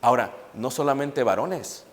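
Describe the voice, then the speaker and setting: A man's voice: medium pitch, moderate pace. A middle-aged man preaching a sermon, emphatic and repeatedly calling out to the congregation. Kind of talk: Spanish-language sermon. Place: church hall. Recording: long hall reverb.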